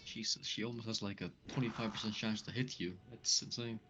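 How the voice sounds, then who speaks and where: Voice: mid-range voice, fairly even intonation, a little fast. Teasing, slangy tabletop player on dull audio. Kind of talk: casual game banter. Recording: dull lo-fi, faint music behind.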